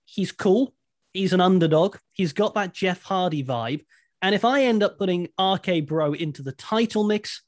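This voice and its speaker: Upbeat man with a higher, dry voice. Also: dry recording. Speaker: podcast co-host. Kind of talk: casual podcast chat.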